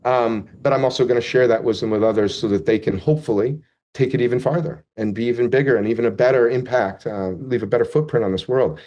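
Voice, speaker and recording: The lo-fi recording captures a man's mellow, medium-pitched voice moving quickly through a relaxed interview conversation as the guest. He's rambling and heartfelt, with bits of self-deprecating humor.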